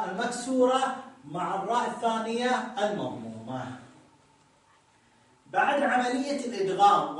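A man gives a grammar lesson in a fairly high voice. He goes patiently over each point, repeating it and reading passages from a text. The room echoes heavily, and he sounds set back from the microphone. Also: far from the mic. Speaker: teacher.

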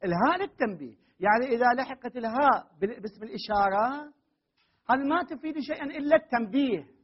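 High husky-voiced guy teaching grammar, keeps quizzing and correcting the class, muffled recording. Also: animated, fast talker. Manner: questions the students often, corrects them firmly. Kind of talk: classroom lesson on Arabic grammar.

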